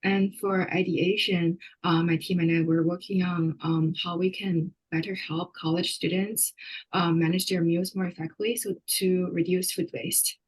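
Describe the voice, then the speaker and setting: Student panelist: woman, slightly low voice, calm and measured. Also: poor audio. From China. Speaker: graduate student. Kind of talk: casual panel introduction.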